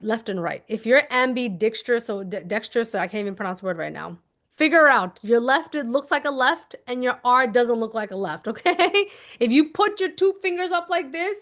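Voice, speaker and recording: A woman coaching manifestation in a casual livestream lesson, chatty and animated, acting out little scenes with sound effects as she explains. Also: on the high side.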